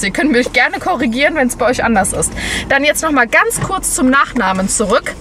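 A young woman from Germany chatting casually to her viewers from a parked car at night, with lots of fillers and restarts. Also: on the high side. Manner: chatty, many fillers and restarts, laughs often. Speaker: vlogger. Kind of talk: casual vlog chat. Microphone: camera on dashboard. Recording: noisy car interior.

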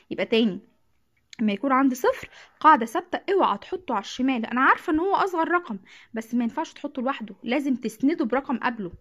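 A woman with an Egyptian accent teaching a math lesson, patiently repeating each point and often clearing her throat. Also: high-pitched, highs cut off. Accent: Egyptian Arabic.

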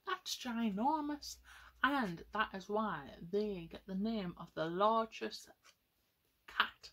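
Her voice fairly high and slightly rough, a young woman entertains children indoors in a small home room with a paper-puppet story. She speaks to them directly, full of questions and exclamations.

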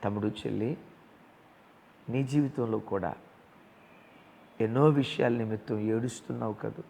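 Gravelly male preacher in a reverberant hall. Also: fairly low pitch, measured pace. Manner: impassioned preaching that swells into loud emphatic passages; speaks directly to listeners as brother and sister. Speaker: pastor. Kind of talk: sermon. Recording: long hall reverb with faint ambience.

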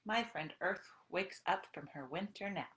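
At normal speed, with a lowish, somewhat bright voice, a woman in her thirties hosts a children's storytime like a librarian, sing-song and encouraging. The setting is a small room at home, and the webcam recording echoes roomily.

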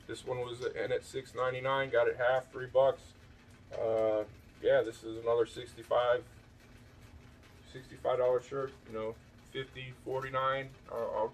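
In a laid-back show-and-tell vlog, a man displays his thrifted items on a back porch after dark, rambling with frequent fillers and false starts. His mid-range voice is picked up by a distant mic.

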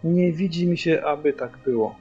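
A man's voice: fairly high pitch, normal speed, warm tone, pitched above the performer's own voice, natural voice. A man voicing a blunt older male rural shepherd who grumbles as he tends to an injured dog. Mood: gruff. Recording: dull lo-fi recording, faint music.

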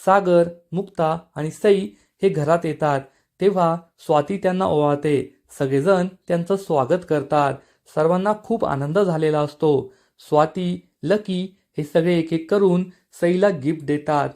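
A man giving a scripted narration that recaps a TV serial episode, telling it in a steady storytelling way. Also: on the high side, a little slow.

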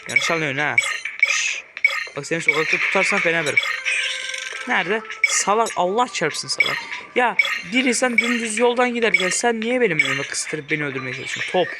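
A man's voice: sits high, animated, fast, heavy background noise. A young man from Turkey giving casual, joking commentary on a horror game as he plays, often swearing and yelping at it. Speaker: gaming YouTuber. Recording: loud game music behind the voice.

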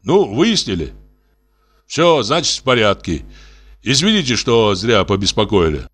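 A man's voice: fairly low pitch, big pitch swings, unhurried, a bit bright, exaggerated voice. Storybook role: man voicing a curt father, firm but apologetic.

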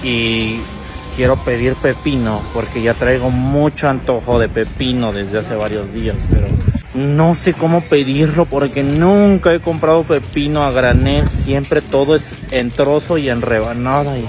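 Guy doing a jittery clueless mexican rich girl, slow and whiny, little sighs, music behind. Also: medium pitch, voice pushed down, lightly acted. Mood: nervous. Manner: anxious whiny sighing, self-mocking. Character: nervous clueless young rich woman shopper. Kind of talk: comedy sketch.

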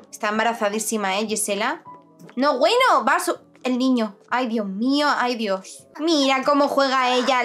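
A young woman with an accent from Spain, giving lively, exclaiming commentary on a life-sim game to her viewers. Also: sits high. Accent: Spanish from Spain. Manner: expressive, exclaiming, talks to her audience. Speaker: gaming streamer. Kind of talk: gaming commentary.

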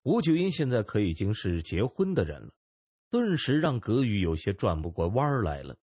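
A man narrates a novel in an expressive storytelling style. His voice is lowish and husky, and his pitch moves a lot. The sound is dry and close. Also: moderate pace, no echo. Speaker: audiobook narrator. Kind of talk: scripted narration.

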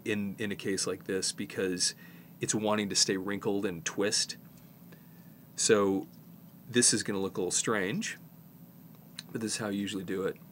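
A man in his fifties with a fairly low voice and a slight head cold, a tape repair technician, presents a casual hands-on tutorial. He explains informally and haltingly as he works, with noticeable background noise.

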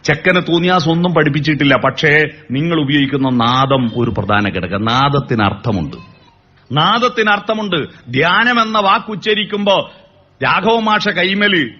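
Man, public speech, animated, slightly high voice, lo-fi sound. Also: normal speed. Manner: animated, sings song lines and acts out calls to make points. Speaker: motivational speaker. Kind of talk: public speech on family and education. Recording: dull lo-fi recording.

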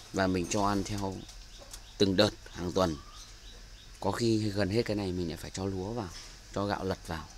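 Man, Northern Vietnamese accent, casual aviary walkthrough, low voice, doves cooing behind. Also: sharp tone, slight background noise. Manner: chatty, many fillers and repeated words. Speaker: bird breeder showing his aviary. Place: outdoor bird aviary. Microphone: handheld camera mic.

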